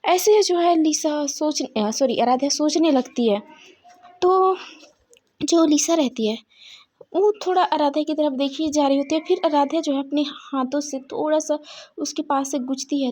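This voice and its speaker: A woman's voice: high-pitched, darkish tone. A woman telling a story casually, rambling with frequent fillers and self-corrections.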